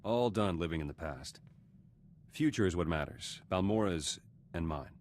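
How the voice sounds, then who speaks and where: An actor playing a curt, ambitious politician in a video game, speaking in terse, clipped phrases with cold self-assurance. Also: male voice, low voice, animated, normal speed, darkish tone, a little hiss or hum. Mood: matter-of-fact.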